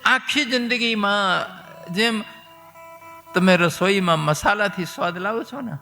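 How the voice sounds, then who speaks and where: Emotive devotional storyteller, bright high voice. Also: male voice, measured pace, gravelly, soft background music. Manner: emotive, exclaiming.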